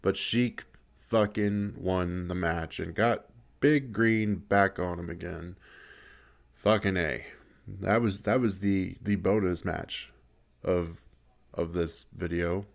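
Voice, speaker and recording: A man's voice: sits low, steady tone, slow pace, vocal fry. A man giving casual gameplay commentary, swearing a lot, laughing often and rambling with restarts. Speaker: gaming video creator.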